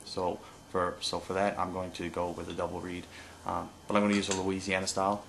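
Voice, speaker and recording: A man giving an informal hands-on tutorial as an instructor, explaining haltingly with pauses and no script. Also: low voice, completely flat delivery, vocal fry, a bit bright, a little hiss or hum. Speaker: duck-calling instructor.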